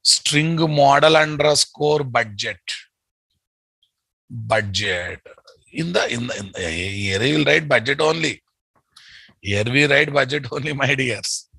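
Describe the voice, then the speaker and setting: A man's voice: mid-range voice, slow, creaky, long pauses, sharp tone, husky, dry recording. A middle-aged man with a Telugu accent teaching a live online programming lesson, repeating phrases and prompting his students with familiar questions. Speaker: programming instructor. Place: indoor room at a computer.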